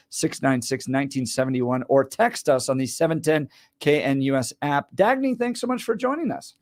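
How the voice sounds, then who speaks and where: A man hosts a talk radio show from the studio, questioning his guest in a friendly, joking way. His voice sits a little higher than most men's.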